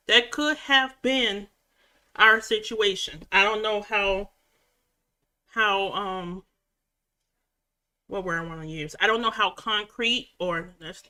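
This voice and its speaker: A woman's voice: mid-range voice, a little slow, pauses often, bright, forceful tone. A woman chatting casually at home as a reaction vlogger, rambling with restarts as she recaps a show. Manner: rambling, frequent restarts and fillers.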